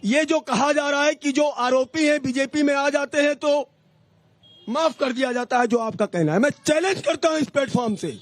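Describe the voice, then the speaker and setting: Male party spokesperson, very high pitch, dry close sound, point-by-point challenges. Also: dry recording. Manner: forceful, laying out numbered points and challenges. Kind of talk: debate argument.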